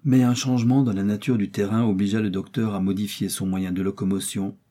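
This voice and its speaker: Low, husky male audiobook narrator. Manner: steady, measured storytelling. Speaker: audiobook reader. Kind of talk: scripted narration.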